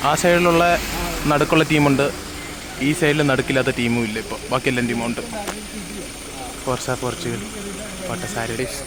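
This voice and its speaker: Standing among his road-trip group by a bus, a young man films a casual travel vlog, joking with his friends as he introduces each to the handheld camera. His medium-pitched voice is level and moderately paced, with long pauses, and the clip is very noisy with busy chatter.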